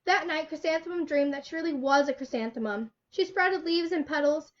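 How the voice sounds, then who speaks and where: A woman reading a children's storybook aloud in an expressive storytelling style, recorded from a livestream. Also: high voice, a little fast. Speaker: children's story time reader. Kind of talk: animated storybook narration for children. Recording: dull lo-fi livestream audio.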